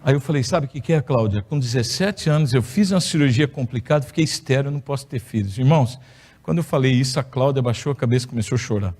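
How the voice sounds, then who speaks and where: Speaking Brazilian Portuguese in a church hall, a middle-aged pastor from Brazil shares a personal story in his sermon testimony, full of playful humor. His voice is medium-pitched and a little mellow, and he talks fast.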